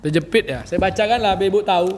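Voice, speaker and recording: High-voiced preacher in a hall. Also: male voice, fast talker. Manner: chatty, joking, addresses the women listeners directly. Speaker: religious teacher. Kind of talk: religious study lecture. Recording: reverberant hall, faint ambience.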